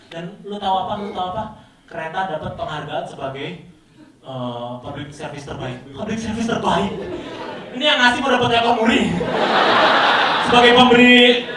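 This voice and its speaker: High-voiced ranting comic in echoey hall. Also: male voice, lively intonation, a little fast, crowd noise. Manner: crude, ranting, mixes English phrases. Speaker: stand-up comedian. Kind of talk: stand-up comedy set. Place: live event hall with audience. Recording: very echoey hall, distant mic, audience.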